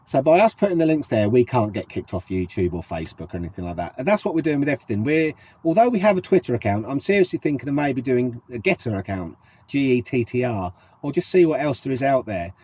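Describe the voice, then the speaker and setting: This rough recording catches a middle-aged British vlogger, sniffly with a cold, chatting casually and asking his audience questions. He speaks fast in British English, his medium-pitched voice dark and slightly rough, with big pitch swings.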